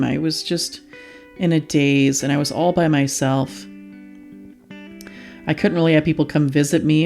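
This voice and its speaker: A woman's voice: low-pitched, gravelly, warm tone. A woman earnestly and emotionally telling a personal story in a reflective commentary. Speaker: YouTuber sharing personal experience. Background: faint guitar music.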